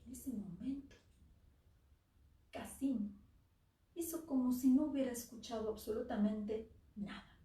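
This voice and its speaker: A woman telling a dark tale on a theater stage, dropping at times to a near-whisper for effect. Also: a little high, measured pace, pauses often. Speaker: oral storyteller. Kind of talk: dramatic live story narration. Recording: echoey theater, from far off the mic.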